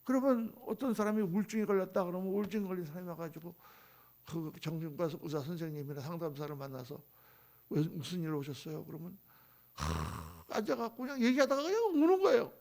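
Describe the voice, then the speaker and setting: Gravelly-voiced man preaching a sermon. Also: high voice, animated, fast. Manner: swings between loud emphatic lines and soft hushed ones; acts out quoted people in conversational asides. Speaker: pastor. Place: church sanctuary.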